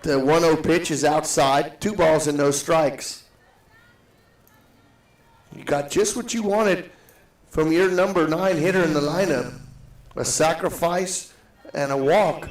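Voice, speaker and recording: A man calling a softball game live in a steady, matter-of-fact way, his voice ringing with a cave-like echo. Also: a little high, takes it slowly, recorded from a distance. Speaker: play-by-play announcer. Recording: echoey booth, set back from the mic.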